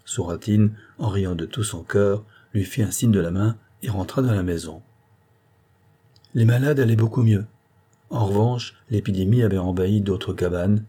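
A man reading a classic novel aloud in a calm, measured narration. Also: lowish voice, breathy edge. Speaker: audiobook narrator. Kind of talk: scripted narration.

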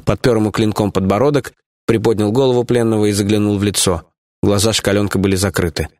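A man narrating an audiobook in a steady, even storytelling manner. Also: fairly low pitch, fast. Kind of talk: scripted narration.

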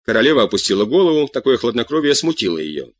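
A male narrator reads a classic novel in a measured storytelling voice. His tone is husky with a lively pitch, and the recording is close and completely dry. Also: no echo. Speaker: audiobook narrator. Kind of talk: literary audiobook narration.

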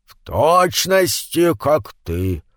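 A man's voice: fairly high pitch, very animated, drawn-out words, a bit bright, dry recording, studio quality, exaggerated voice. A man voicing a sly, teasing old uncle who drawls his remarks. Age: older.

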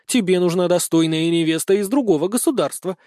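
Casting: a strict noble matriarch, read by a man, stern and condescending, raised pitch, dry close sound. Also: fairly quick, mellow, no room sound, natural voice. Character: strict, commanding aristocratic mother. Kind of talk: audiobook character voice.

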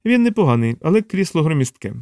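A man voicing a sharp-tongued young woman in an audiobook, playful and mocking. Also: fairly high pitch, big pitch swings, quick pace, dry recording, studio quality, voice pushed up. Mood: teasing.

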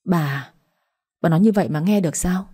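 A woman's voice: on the low side, a little fast, mellow, husky. A woman voicing a middle-aged father who pleads and reproaches his wife. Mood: indignant. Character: aggrieved middle-aged father, patient then angry.

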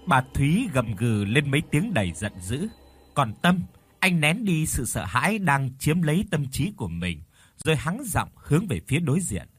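A man's voice: fairly high pitch, sing-song, moderate pace, fairly bright tone, breathy edge. A man narrating a horror audiobook expressively, voicing the characters as he reads. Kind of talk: dramatic horror story narration.

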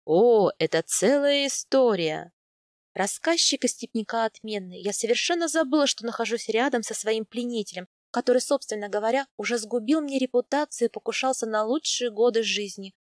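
A woman's voice: fairly high pitch, a little fast, few pauses, no room sound. Woman narrating an audiobook, dry. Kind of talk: first-person scripted narration.

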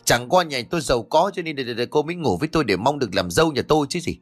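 A man's voice: mid-range voice, lively intonation, brisk, a bit bright, faint music behind. A man doing an arrogant, scoffing rich young man. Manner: scoffing, dismissive.

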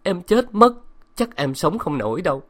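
A man voicing a distraught young wife who speaks in a high, strained, tearful way. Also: expressive, moderate pace, natural voice. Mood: sobbing.

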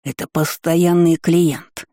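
A man voicing a crude, irritable middle-aged pub owner who lisps and scolds slowly. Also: a little high, steady tone, a little mellow, dry recording, studio quality, natural voice. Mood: scornful. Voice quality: lisping. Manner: slow, drawn-out scolding.

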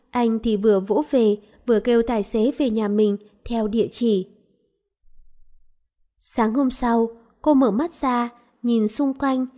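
A woman narrating a romance novel calmly and evenly. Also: a little high. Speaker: audiobook narrator.

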